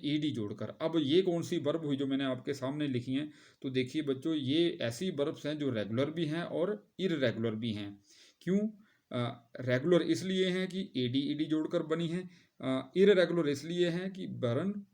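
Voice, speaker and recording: A man's voice: on the high side, darkish tone. Man teaching a patient grammar lesson. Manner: addresses students directly, spells out words slowly, frequent hesitations.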